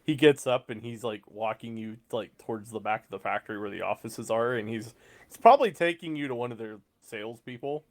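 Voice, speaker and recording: A man running a tabletop game as game master. He narrates in a loose, rambling, casual way. His voice sits at an ordinary pitch. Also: a little fast.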